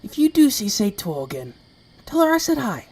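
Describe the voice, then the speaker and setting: Heavily acted, a woman's voice on the high side swoops wildly in pitch at a moderate pace, darkish and breathy at the edges. She plays a stubborn, sincere small male flying creature with one eye and wounded feelings in an amateur audio drama, hurt but determined.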